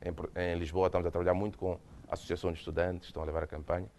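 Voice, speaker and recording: A Mozambican man with a Mozambican Portuguese accent gives a university lecture with slides in a lecture hall as a guest lecturer. His voice sits low with a darkish tone and little pitch movement, and he races along, speaking hesitantly and often restarting.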